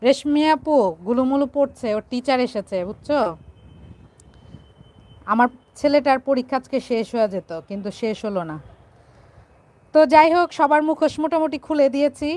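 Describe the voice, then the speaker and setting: A woman's voice: high-pitched, normal speed, pauses often, a little mellow. A playful, teasing woman from Bangladesh hosting a casual live stream and reading out viewer comments.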